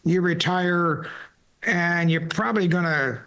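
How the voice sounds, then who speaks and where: A podcast host in his sixties tells stories in a loose, rambling style, repeating words and dropping folksy asides during a casual conversational interview. His voice is high-pitched, slow, and fairly bright, and the audio sounds dull.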